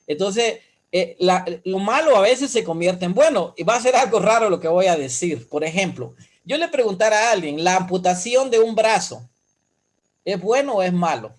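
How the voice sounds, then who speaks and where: A man's voice: sits high, expressive, moderate pace. A man speaking as an evangelical pastor, earnestly reasoning through a question of faith with rhetorical questions and everyday examples. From Central America. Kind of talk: explaining faith in a guest talk.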